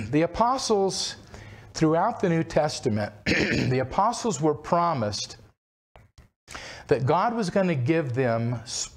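A man in his sixties preaching at a church pulpit, retelling a story in a conversational way, with frequent restarts. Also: a little high. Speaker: pastor. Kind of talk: sermon. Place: church platform behind a wooden pulpit, indoors. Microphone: pulpit-mounted microphone.

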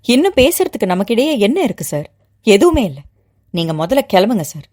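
A proud young mother pushed to her limit, voiced by a woman storyteller. She speaks hotly and insistently, her voice swinging widely in pitch. A tense audio-novel heroine. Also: big pitch swings, fairly quick, a little mellow. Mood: agitated. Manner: heated, agitated and insistent.

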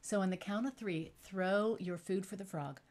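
A woman's voice: medium pitch, normal speed, a little mellow. A woman children's entertainer presenting to young children in simple, repetitive phrases, with the showy patter of a kids' party magician.

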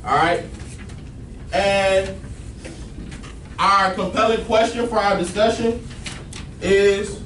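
This teacher's voice is high-pitched and fairly bright, with fairly even intonation, delivered slowly with long pauses. He directs a large class of students, often checking "all right?", and a distant camera at the back captures it as echoey, noisy classroom sound.

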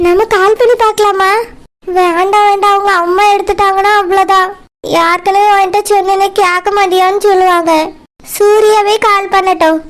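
A woman's voice: very high voice, flat delivery, a little fast. A woman voicing a tearful young village woman in a cartoon, a student in love who is afraid of her strict parents. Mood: worried. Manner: tearful, pleading. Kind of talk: cartoon voice acting.

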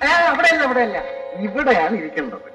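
An actor playing a bossy, talkative middle-aged school manager who speaks in a brisk, lecturing way in a 1970s film scene. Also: male voice, very high voice, very animated, muffled recording, over music. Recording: echoey, distant old film soundtrack.

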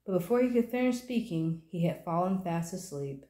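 A woman hosting a storytime channel, reading a children's picture book aloud in a clear storytelling manner. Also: lowish voice, animated, normal speed, warm tone. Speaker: storybook reader, channel host. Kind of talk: children's read-aloud narration. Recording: roomy echo.

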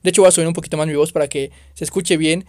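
A man doing excitable let's play commentary on a horror game, exclaiming and swearing at the scares. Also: on the high side, racing, no echo, studio quality. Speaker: gaming youtuber.

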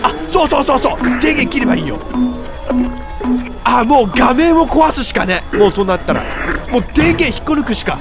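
A gaming video host with a very high-pitched voice and lively intonation speaks briskly over background music. He delivers live horror reaction commentary, jumpy and frightened, often repeating his words.

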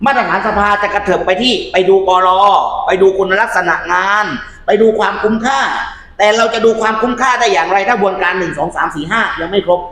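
A man speaking as a civic activist, forceful and rhetorical. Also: high-pitched, brisk, roomy sound. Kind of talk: impassioned civic talk.

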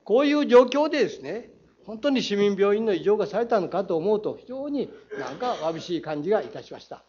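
A man's voice: sits high, very animated, fast, darkish tone. A man questioning the mayor on a city council floor, combative, with a Saga accent, rhetorical challenges and quoted passages read aloud. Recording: dull lo-fi council chamber audio.

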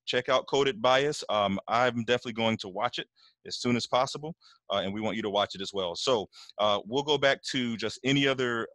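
A man's voice: on the low side, a bit bright, no room sound. A man hosting an online community meeting, talking in an earnest, encouraging way with many fillers. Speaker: meeting host.

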